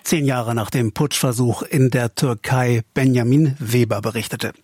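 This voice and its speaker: Husky-voiced male news presenter, dry studio. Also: medium pitch, fairly even intonation, moderate pace, a little mellow, dry recording.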